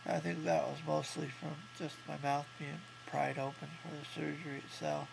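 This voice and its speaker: A man in his thirties speaks with heavy vocal fry and very little pitch movement, stuffed up and thick-mouthed after oral surgery. He talks in a halting, matter-of-fact video-diary style. Clear hum and noise sit behind his voice. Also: flat delivery. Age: 30s. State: congested, can't breathe through nose. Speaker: vlogger recovering from jaw surgery. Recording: clearly noisy home recording with hum.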